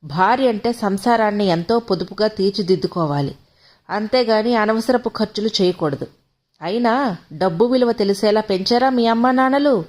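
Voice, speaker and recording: A woman's voice: mid-range voice, moderate pace, darkish tone, natural voice. A woman reading the lines of a man, an arrogant young husband who mocks and berates his wife. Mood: scolding. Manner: mocking, berating.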